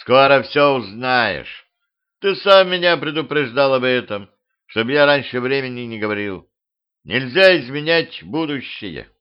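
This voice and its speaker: A man voicing a confident middle-aged colonel with a brisk, commanding manner. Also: mid-range voice, expressive, clean tone, muffled recording, close to an everyday voice.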